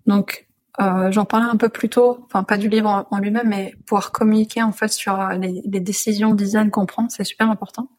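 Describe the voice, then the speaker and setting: A woman talks as a podcast guest in a relaxed, casual way. She hesitates often and fills her pauses with drawn-out filler sounds, and her pitch sits in a middling range. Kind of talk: casual interview chat.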